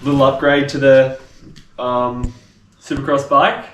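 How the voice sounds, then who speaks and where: A relaxed man walks through a bike repair one step at a time, in a plain mid-range voice. The sound is roomy and echoey, with a faint hiss of noise underneath. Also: medium pitch, a little slow. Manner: relaxed, talks through each step as he works. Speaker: bike tech presenter. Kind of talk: casual how-to demonstration.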